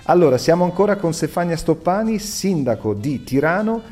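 Male quiz host, very animated intonation, teasing and encouraging, music behind. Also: on the high side, normal speed. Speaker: radio quiz show host. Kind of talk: playful live quiz interview.

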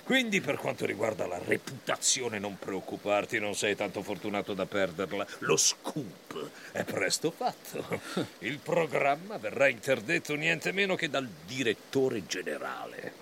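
A man playing an eccentric, scornful poet in a radio drama, theatrical, sardonic and vulgar, with a gravelly voice. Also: fairly low pitch, big pitch swings, unhurried, fairly bright tone, slight background noise, full character voice. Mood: mocking, scornful. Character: eccentric, scornful middle-aged avant-garde poet, mocking and theatrical. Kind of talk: scripted radio drama acting.

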